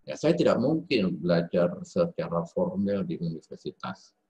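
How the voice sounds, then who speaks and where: Low-voiced priest, halting and reflective. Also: male voice, animated, dark tone, slightly rough, poor audio. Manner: halting, with many fillers and self-corrections. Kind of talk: reflective spoken lecture. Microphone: video call.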